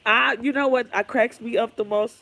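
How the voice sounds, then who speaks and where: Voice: medium pitch, steady tone, normal speed, vocal fry, pushed and bright. A chatty livestream host who reads viewer comments aloud, laughs often, and drifts into gossipy tangents. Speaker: livestream host reading chat. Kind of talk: casual livestream chat.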